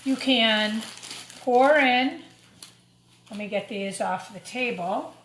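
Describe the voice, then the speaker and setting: In a roomy, echoing space with clear background noise and clatter, a woman teacher gives an informal craft demonstration for young children. She talks slowly through each step as she works, in a slightly high voice.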